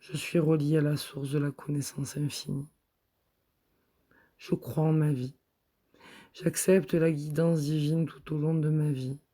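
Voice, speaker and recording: A man leads a guided meditation, calmly repeating affirmations. His voice is dark, breathy and mellow, and it stays flat and even. He speaks slowly and softly. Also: a little high. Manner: slow, soft, repetitive affirmations.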